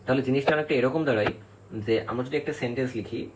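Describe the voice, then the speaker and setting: A man's voice: mid-range voice, quick pace, noisy background. A male literature teacher giving an exam-prep lecture, explaining step by step, counting syllables aloud and often checking in with his students.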